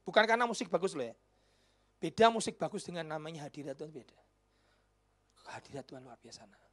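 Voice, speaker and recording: Indonesian pastor, preaching. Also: male voice, on the high side, sing-song, quick pace. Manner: swings between loud exclamations and hushed whispers when quoting people; mixes in Javanese words. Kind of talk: sermon with acted-out dialogue.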